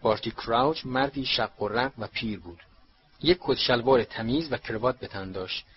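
A man narrating an audiobook in a steady storytelling manner. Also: medium pitch, lo-fi sound, slight background noise. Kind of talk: scripted narration.

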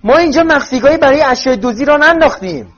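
A man's voice: very high voice, lively intonation, a bit bright, pitched above the performer's own voice. A man voicing a furious middle-aged mother who scolds at the top of her voice, on dull lo-fi audio. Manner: shrieking scolding at full volume.

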